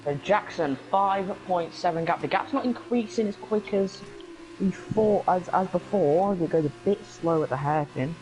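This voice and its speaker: A man's voice: high voice, moderate pace, a little mellow, a little hiss or hum, low-quality recording. A man co-commentating an online race in a casual, chatty way, often repeating words as he talks.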